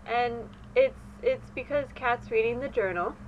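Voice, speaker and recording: A woman's voice: on the high side, a little slow. A woman co-hosting a casual fan podcast, chatty and playfully joking. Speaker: podcast co-host. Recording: dull lo-fi sound with faint noise.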